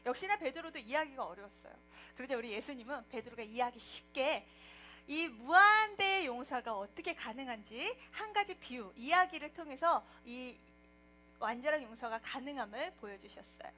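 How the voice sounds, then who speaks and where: A woman preacher telling a Bible story to children in a lively way, often asking them questions. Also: high-pitched, normal speed, soft background music. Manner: animated, asks the children questions.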